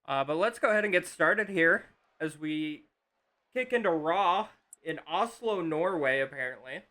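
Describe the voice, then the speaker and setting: A man's voice: fairly high pitch, lively intonation, moderate pace, pushed and bright. A man casually commenting on a wrestling video game on a live stream, rambling with fillers and restarts.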